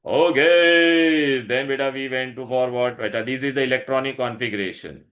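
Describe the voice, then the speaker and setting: A man with an Indian accent teaches science online, questioning pupils and repeating instructions, regularly pausing to check they understand. He speaks quickly at medium pitch, with a steady, fairly bright tone.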